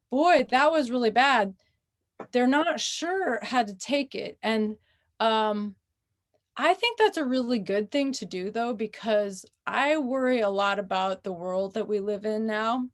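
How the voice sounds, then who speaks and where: American woman author, thoughtful interview voice, middling pitch, pauses often. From United States. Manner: thoughtful, with frequent pauses and fillers. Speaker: author in conversation. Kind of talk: casual conversational interview.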